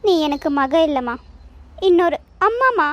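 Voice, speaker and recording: A woman voicing a grateful, emotional old cartoon father speaking slowly. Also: very high voice, very animated, no echo, muffled recording, full character voice.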